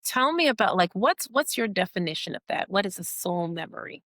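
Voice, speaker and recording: A woman's voice: mid-range voice, expressive, a little fast, a bit bright, dry recording, clean studio sound. A woman hosting an interview, summarizing her guest's points and asking follow-up questions. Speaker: podcast host. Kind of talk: conversational interview.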